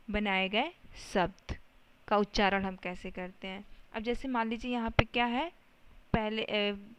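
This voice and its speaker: A woman's voice: fairly high pitch, a bit bright, clean tone. A woman teaching a lesson to young children, explaining patiently step by step and often checking that they follow.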